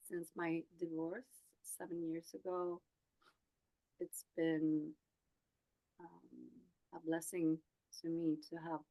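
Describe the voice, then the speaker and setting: A woman in her forties from Sweden, a guest telling her personal story in a soft, hesitant way with many pauses and restarts. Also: low-pitched, vocal fry, low-quality recording. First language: Swedish. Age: 40s.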